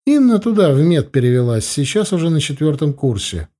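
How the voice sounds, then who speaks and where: A man voicing a blunt, sharp-tongued older grandmother who answers curtly and matter-of-factly in an audiobook. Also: fairly high pitch, big pitch swings, brisk, voice pushed up. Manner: curt, matter-of-fact answers. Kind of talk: audiobook character voice.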